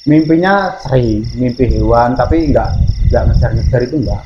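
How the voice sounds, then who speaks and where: A man's voice: medium pitch, lively intonation, moderate pace, roomy sound, highs cut off, noisy background. A man from East Java, telling his own experience earnestly as a guest on a radio interview. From East Java, Indonesia. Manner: earnest, plain storytelling with many fillers. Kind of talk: radio interview, personal story. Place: radio studio.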